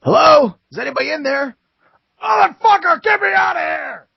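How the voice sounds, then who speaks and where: A man's voice: sits high, very animated, normal speed, creaky, husky, no echo, voice pushed up, exaggerated voice. A man voicing confused, angry male guards who speak brusquely and swear, recorded on dull, dry lo-fi sound. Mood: frantic.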